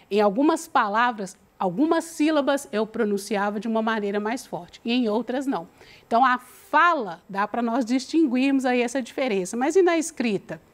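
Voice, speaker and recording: A woman teacher gives a lesson. She talks slowly and deliberately and checks in with the student as she goes. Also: a little high. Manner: slow, deliberate, reads the text aloud and asks the student questions. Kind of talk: recorded remote lesson.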